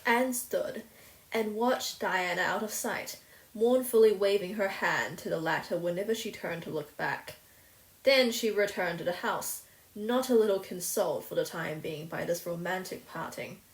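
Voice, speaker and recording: A woman reading a classic novel aloud with measured, expressive narration. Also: fairly low pitch. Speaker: reader. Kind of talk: storybook reading. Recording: roomy echo.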